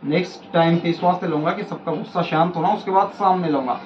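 A man's voice: on the high side, steady tone, fast talker, a little hiss or hum. A middle-aged man preaching to listeners, exhorting them and repeating phrases for emphasis. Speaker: faith healer preacher. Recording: echoey lo-fi room with faint ambience.

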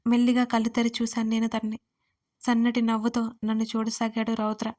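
A woman narrating a first-person romance story in a soft, emotional way. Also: a little high, monotone, fairly quick.

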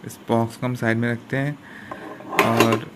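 A young man talking casually as he unboxes camping gear, pausing often with fillers and restarting his sentences. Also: mid-range voice, little pitch movement, loud music behind the voice. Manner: hesitant, many fillers and restarts. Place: indoor room at a table. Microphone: handheld phone camera pointed at the table. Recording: noisy phone recording with room hiss.

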